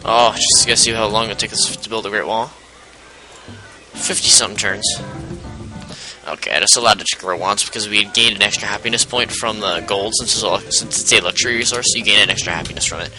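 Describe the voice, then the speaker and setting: A man's voice: fairly low pitch, fairly quick, low-quality recording. A man giving casual let's play commentary, rambling and explaining game mechanics as he goes, with frequent self-interruptions. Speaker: gameplay commentator. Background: game music.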